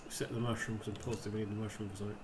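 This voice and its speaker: A man's voice: on the low side, little pitch movement, racing, background noise. A man giving casual let's play commentary, chatting and thinking aloud as he plays. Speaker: gamer commentating. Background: video game ambience.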